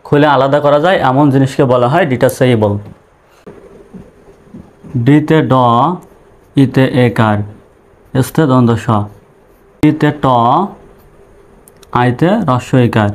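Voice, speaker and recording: A man's voice: medium pitch, slow, pauses often, a little mellow. A man with a Bangladeshi accent teaching English pronunciation, breaking long words into syllables and repeating each part patiently. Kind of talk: slow spelling-out pronunciation lesson.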